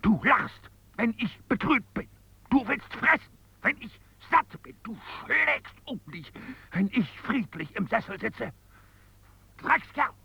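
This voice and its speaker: Brief: an uneasy middle-class man narrating a radio play, gravelly and dry, a touch dull. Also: sing-song, normal speed, mellow, no room sound, heavily acted. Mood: furious. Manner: brooding inner monologue, bursts into shrill rage. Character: self-conscious man losing control of his body. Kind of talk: radio drama narration and acting.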